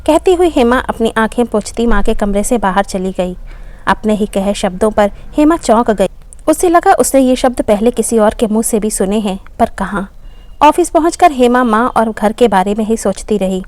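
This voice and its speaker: A woman's voice: fairly high pitch, lively intonation, normal speed, darkish tone, no room sound. Woman reading a story aloud. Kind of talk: scripted story narration.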